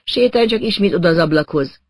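A man's voice: sits high, expressive, dry recording, pitched above the performer's own voice. Man voicing a sweetly pushy puffy-faced woman. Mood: sweetly insistent. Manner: sweetly insistent, then snapping. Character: smiling, mean middle-aged woman with a puffy face.

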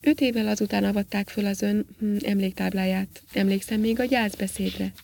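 A woman's voice: medium pitch, steady tone, vocal fry, darkish tone, a little hiss or hum, lightly acted. A woman reading the part of a reluctant male astronaut who talks hesitantly and keeps correcting himself. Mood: uneasy.

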